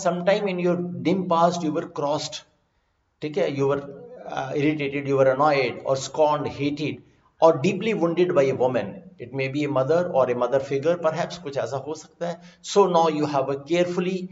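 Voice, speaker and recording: Indian guy teaching vocab off slides, switches hindi and english, repeats stuff slowly, kinda dull echoey audio. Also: medium pitch. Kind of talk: vocabulary lesson over slides. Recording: echoey, slightly dull recording.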